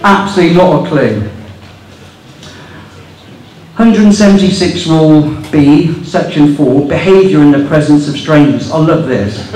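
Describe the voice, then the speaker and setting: A man's voice: a little high, measured pace, long pauses, darkish tone, slight background noise. A man in his fifties doing stand-up on a small club stage, reading rules aloud in a mocking, incredulous way and swearing for laughs. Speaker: stand-up comedian. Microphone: handheld mic on stand. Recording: echoey room recorded from far off.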